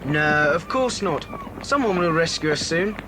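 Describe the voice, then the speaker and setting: A man's voice: a little high, animated, measured pace. A male actor playing a confident, reassuring British schoolboy in a children's adventure audio drama. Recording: noisy old cassette recording.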